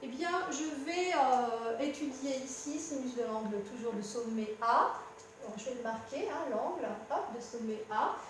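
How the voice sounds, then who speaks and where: High-voiced woman teaching in an echoey room. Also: expressive, unhurried, far from the mic. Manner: patient, addresses the student as "tu", self-correcting. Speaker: math teacher. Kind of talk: explaining a lesson at a board. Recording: very echoey room with faint hum.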